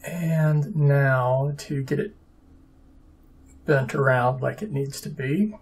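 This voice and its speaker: A man's voice: mid-range voice, fairly even intonation, slow, husky. A man narrating his own papercraft build in a casual, dry, sarcastic and self-deprecating way. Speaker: papercraft hobbyist.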